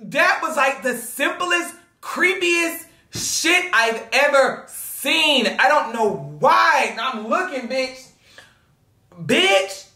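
A young man hosting a movie reaction video, loud and dramatic, swearing and shrieking at the screen. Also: extremely high pitch, roomy sound, far from the mic.

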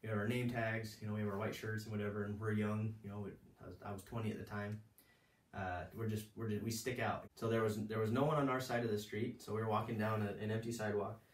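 A man with a lowish voice tells a personal story, looping back and restarting his sentences. The room is roomy and echoing. The mic sits some distance from him. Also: flat delivery, quick pace. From United States. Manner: rambling, many restarts and fillers. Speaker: vlogger giving life advice. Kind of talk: casual storytelling monologue.

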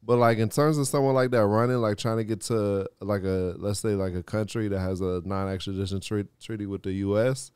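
A man's voice: lowish voice, fairly even intonation, a little fast, few pauses, darkish tone, clear, resonant tone, no echo. A man co-hosting a podcast, rambling with lots of fillers and swearing in casual chat. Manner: rambling, full of fillers, profane. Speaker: podcast co-host.

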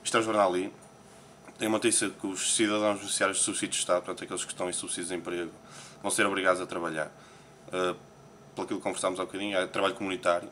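In a relaxed Las Vegas interview one morning, a man from Portugal who plays poker comments on newspaper headlines with a European Portuguese accent, often hesitating. He races along in a low, level voice with a bit of brightness, over slight background noise.

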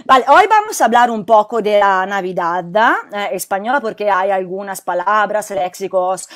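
A woman teaching a live online class, explaining slowly and carefully with many pauses and fillers. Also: medium pitch, animated, fairly bright tone. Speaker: Spanish teacher. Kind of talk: live online language lesson.

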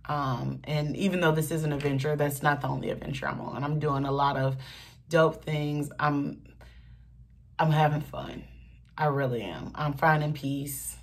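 A young woman talking earnestly in a casual get-ready-with-me vlog, with many pauses and fillers. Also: deep voice, fairly even intonation. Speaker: vlogger.

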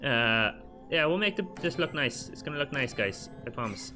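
A man giving let's play commentary as a gaming channel host, frantic and swearing, talking to himself and his viewers, his pitch jumping up sharply whenever he panics. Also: lively intonation, normal speed, over music.

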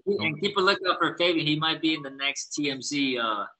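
A young adult professional skateboarder answers casually on a video call from his living room, relaxed and chatty and constantly saying "like" and "you know." His voice is on the high side and a little fast. The sound comes through a laptop webcam.

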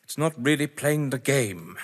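A mid-range, expressive voice delivers this lightly acted role at a moderate pace: a haughty, witty husband under questioning in an audio drama. He's wordy, theatrical and sardonic, sounding bitter, and the recording has a hall-like echo.

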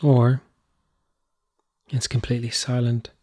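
A male meditation guide with a mid-pitched voice gives gentle instructions slowly and flatly, in short phrases separated by space.

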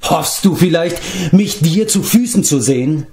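A man's voice: on the high side, lively intonation, unhurried, gravelly, a little mellow, reverberant, slight background noise, voice pushed up. A man voicing a proud fallen sorceress queen, bitter and crying out in rage, in an audiobook reading. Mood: raging.

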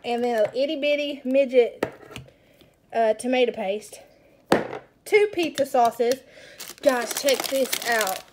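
A young woman talks through her groceries in a high, bubbly voice, full of happy asides and little jokes at her own expense. She films on her phone at home. Plastic bags crinkle and rustle loudly behind her words. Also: slow, pauses often, background noise. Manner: chatty, excitable, self-mocking asides. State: out of breath. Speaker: stay-at-home mom vlogger. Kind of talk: casual grocery haul chat. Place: home kitchen.

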